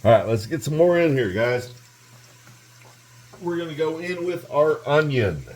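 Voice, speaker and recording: A man's voice: a little high, lively intonation, measured pace, darkish tone, slight background noise. Chatty man hosting a cooking video. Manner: chatty, keeps addressing viewers as guys. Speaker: cooking channel host. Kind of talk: casual cooking tutorial. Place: home kitchen.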